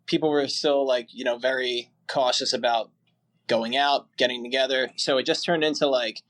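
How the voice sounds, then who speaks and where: A man's voice: medium pitch, steady tone, moderate pace, fairly bright tone. A young man from the Philadelphia area, a musician guest chatting casually and rambling a bit. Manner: rambling, easygoing, lots of fillers. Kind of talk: casual interview.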